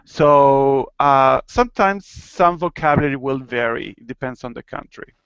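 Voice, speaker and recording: A man's voice: mid-range voice, fairly bright tone, clear, resonant tone, no room sound, dull audio. A man from Argentina with an Argentine accent, teaching a Spanish lesson online and explaining things patiently. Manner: patient, explains slowly, chuckles at own jokes.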